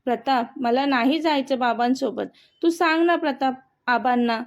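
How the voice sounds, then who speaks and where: A woman voicing a gentle, devoted young wife, speaking softly and earnestly in a storybook. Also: high voice, moderate pace. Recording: dull, muffled audio.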